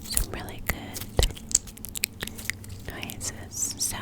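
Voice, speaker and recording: Slow, breathy cupped-hand ASMR whisper, woman. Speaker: ASMR host.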